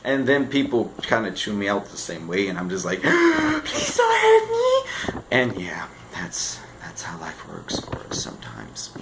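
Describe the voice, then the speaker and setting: A man's voice: deep voice, moderate pace, vocal fry, hardly any pauses, background noise. Teenage guy, goofy self-mocking vlog. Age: teens. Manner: animated, self-mocking, jumps between loud and quiet. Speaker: vlogger. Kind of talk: casual comedic vlog. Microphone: camera on a shaky stand.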